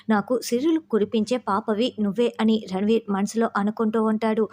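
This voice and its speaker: A woman's voice: fairly high pitch, a little mellow. A woman recapping a TV serial episode, reading every character's lines in her own voice. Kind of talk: recap narration with quoted dialogue.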